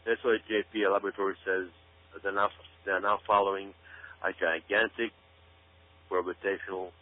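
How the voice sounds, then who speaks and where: Speaking as a guest on a radio show, a man offers conspiracy-minded commentary with heavy emphasis, repeating words and phrases to drive his points home. His voice is low and fairly flat in pitch, at a moderate pace. The audio is narrow and phone-like, typical of radio.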